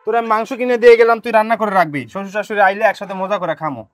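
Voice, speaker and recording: A man playing a quick-tempered, demanding village husband. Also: high-pitched, faint music behind, natural voice. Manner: blustering, demanding.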